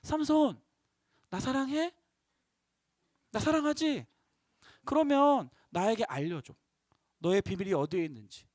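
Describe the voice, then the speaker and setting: A man's voice: extremely high pitch, animated, a little slow, pauses often, dry recording, clean studio sound. A male pastor voicing a coy young woman who coaxes and pleads in a cute, whiny way. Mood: coaxing.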